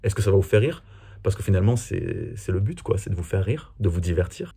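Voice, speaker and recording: A man's voice: deep voice, animated, fairly quick, gravelly, mellow, slightly rough. A man from France answering viewer questions in a casual, chatty and self-mocking way. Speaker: comedy video creator. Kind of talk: casual Q&A vlog.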